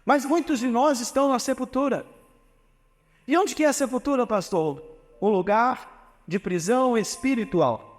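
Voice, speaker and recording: A man's voice: extremely high pitch, normal speed, faint music behind. A Brazilian pastor preaching a sermon with emphasis, asking his congregation rhetorical questions. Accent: Brazilian Portuguese. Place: church sanctuary. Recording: long reverb of a church hall.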